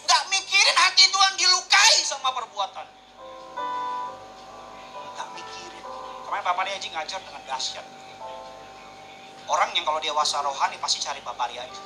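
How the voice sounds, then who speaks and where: A man preaching a sermon as pastor, in a casual, emphatic way that swings between loud and hushed. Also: high-pitched, lively intonation, a little fast, over music, low-quality recording.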